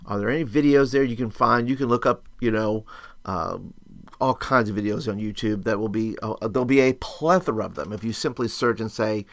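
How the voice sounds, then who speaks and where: Upbeat youth pastor, close dry sound. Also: male voice, fairly low pitch, fairly quick, no echo. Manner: thinks aloud, asks and answers own questions, often adds "right?". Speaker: youth ministry teacher and video host. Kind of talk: casual instructional screencast talk.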